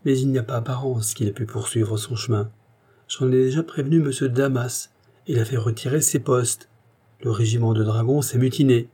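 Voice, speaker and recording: A man doing a frantic high-pitched hairdresser. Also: fairly even intonation, a little fast, warm tone, husky, lightly acted. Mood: insistent. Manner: frantic, wailing, overexcited. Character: flustered, fussy royal hairdresser, a man.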